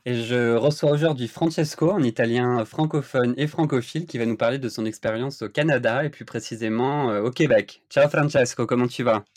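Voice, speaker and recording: A man's voice: medium pitch, fairly quick, hardly any pauses, a little mellow, dry recording, clean studio sound. A man hosting a travel podcast, reading a scripted intro then asking questions. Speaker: podcast host. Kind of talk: podcast interview.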